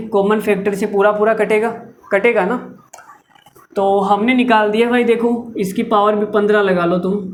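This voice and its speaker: A man teaching maths in a lively lecture, chatting with his viewers and teasing them as he works through the problems. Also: sits high, a little hiss or hum.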